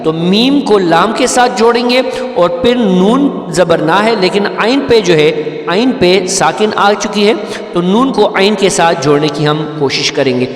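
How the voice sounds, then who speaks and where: A man teaching Quran recitation rules, explaining each point patiently and then chanting verses slowly and melodically. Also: sits high, roomy sound, long reverb tail, faint music behind. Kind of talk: tajweed lesson with chanted recitation.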